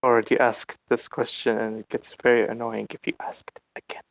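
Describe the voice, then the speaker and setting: A man's voice: medium pitch, flat delivery, brisk, gravelly, no echo, lo-fi sound. A man talking through a voice changer, giving curt, unbothered answers as the interviewee. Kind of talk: casual online interview.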